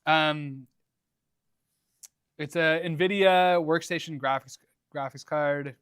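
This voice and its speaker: Young male streamer, fairly high voice, dry close sound, relaxed and rambling. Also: slow, smooth, dry recording. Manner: laid-back, rambling, lots of likes and ums. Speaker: livestream host. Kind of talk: casual livestream Q&A. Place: home workshop.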